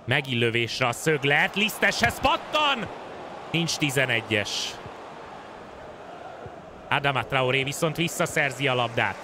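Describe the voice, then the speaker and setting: A man giving excited sports commentary on a football video game, stretching out his calls as he follows play. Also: medium pitch, noisy background. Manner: excited, swinging into drawn-out shouts at chances. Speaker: gaming host and match commentator.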